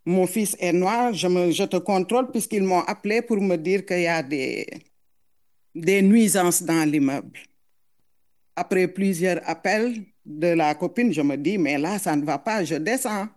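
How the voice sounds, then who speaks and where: A middle-aged woman with a foreign accent gives emotional public testimony as a mother. She speaks earnestly and haltingly, repeating words as she searches for them. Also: on the low side, darkish tone. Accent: foreign accent in French.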